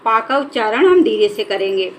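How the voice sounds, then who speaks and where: A woman teaching a children's reading lesson, stretching out syllables slowly and clearly as she sounds out each word. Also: a little high, animated, a little hiss or hum. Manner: drawn-out syllables, slow and clear.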